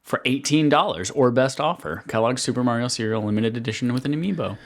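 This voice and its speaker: A man's voice: mid-range voice, animated, fast talker. Man chatting casually, swearing freely. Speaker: podcast co-host. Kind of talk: casual chat.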